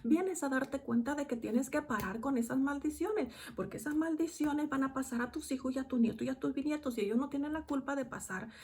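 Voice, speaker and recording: A woman preaching a sermon and reading from the Bible, emphatic, repeating phrases and swinging between loud and hushed. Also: high-pitched, fairly quick, few pauses.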